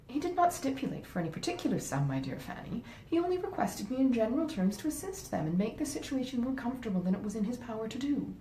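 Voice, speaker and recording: A woman narrator, reading a classic novel aloud in a roomy space, voices a grave, well-meaning but easily swayed gentleman husband from the story. He deliberates earnestly and a touch pompously, in a mellow voice with lively intonation. The recording carries a roomy echo and a faint rumbling noise.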